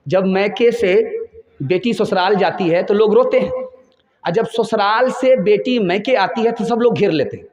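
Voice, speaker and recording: High-voiced preacher telling stories in a sermon. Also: male voice, a little slow, a little mellow. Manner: dramatic storytelling with acted quotes. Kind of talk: storytelling sermon. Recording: echoey room.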